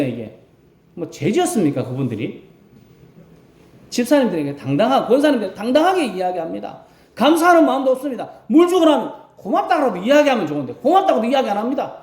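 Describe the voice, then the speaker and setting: A male rural pastor preaching a Sunday sermon, asking his congregation questions as he goes. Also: very high-pitched. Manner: animated preaching, asks the congregation questions and acts out voices. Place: church sanctuary. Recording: roomy church echo.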